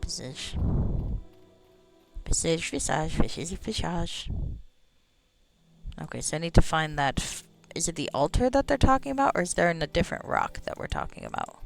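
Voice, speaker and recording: Rambling, sweary game streamer with animated pitch. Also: fast, gravelly, hardly any pauses, soft background music. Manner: sweary, rambling, talks to self. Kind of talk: casual gameplay commentary with some read-aloud game text.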